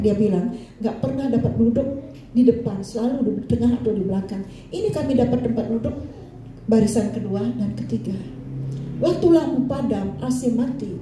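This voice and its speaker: A woman's voice: a little high, dark tone, distant mic, a little hiss or hum. An older woman pastor preaching a storytelling sermon, chatty and often turning to speak straight to her congregation. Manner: chatty, keeps addressing the congregation. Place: church hall. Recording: roomy echo, voice from off-mic.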